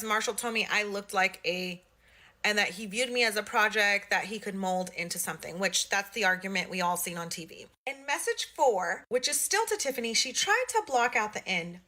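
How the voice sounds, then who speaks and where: A woman's voice: medium pitch, sharp tone. A woman giving blunt, matter-of-fact commentary in an explainer video, reading messages aloud as she goes. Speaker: social media gossip commentator.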